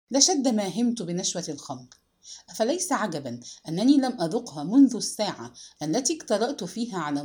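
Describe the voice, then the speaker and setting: A woman narrating a novel aloud in an expressive, dramatic audiobook reading. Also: mid-range voice.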